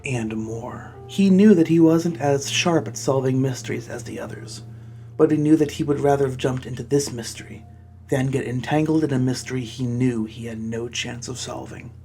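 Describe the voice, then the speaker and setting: With faint music behind him, a man in a comedy video reads fan fiction dramatically and pauses for exasperated, mock-outraged commentary. He speaks at a moderate pace in a warm, mid-range voice.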